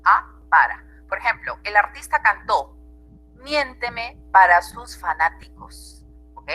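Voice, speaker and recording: A woman's voice: mid-range voice, expressive, slow pace, bright, forceful tone, soft background music, poor audio. A woman teacher with a Peruvian Spanish accent, giving an online grammar class and checking in with her students often.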